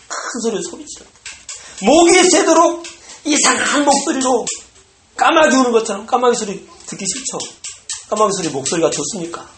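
A pastor preaching with a voice that swings widely in pitch, climbing into loud, fervent exclamations before dropping low again. The sound carries a roomy echo from a church sanctuary, with a faint hiss underneath. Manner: animated, bursting into loud exclamations. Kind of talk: sermon. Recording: echoey room with faint noise.

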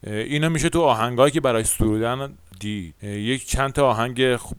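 A man's voice: mid-range voice, smooth, no echo. A man with an Iranian Persian accent hosting and narrating a storytelling podcast in a conversational way.

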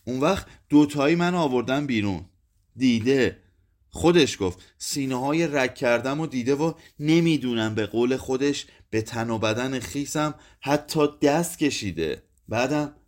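A furious, scornful drunk woman hurls her lines in a swinging, lively voice, as a man reads her part. Her anger comes out in shouts and sneers, read as an audiobook story. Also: mid-range voice, lightly acted. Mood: bitter. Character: bitter, angry drunk woman lashing out.

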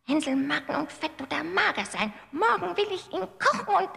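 A woman voicing a cruel, cackling old witch in a storybook reading, shrill and creaky. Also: sing-song, moderate pace, pushed and bright, in a large hall, full character voice. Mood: bossy. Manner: gloating, commanding, scornful.

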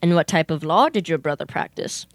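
Here a young woman portrays a businesslike male detective in a comic old-time radio play, growing exasperated as he questions in deadpan. Her voice sits low and moves briskly over background noise.

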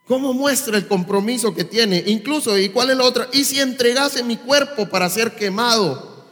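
A man's voice: very high voice, moderate pace, a bit bright. A man preaching a sermon in a church service, quizzing the congregation with rhetorical questions. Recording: long reverb of a church hall.

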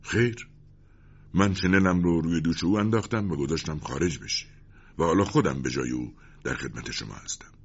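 A man voicing a calm, resolute young commander in a storybook reading. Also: low-pitched, vocal fry, slightly rough, lo-fi sound, full character voice. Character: young noble-hearted male commander.

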